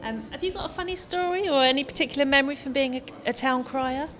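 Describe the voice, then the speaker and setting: A woman's voice: high-pitched, quick pace, fairly bright tone. A woman interviewing people casually at an event, asking short, simple questions. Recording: crowd chatter outdoors. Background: crowd at an outdoor event.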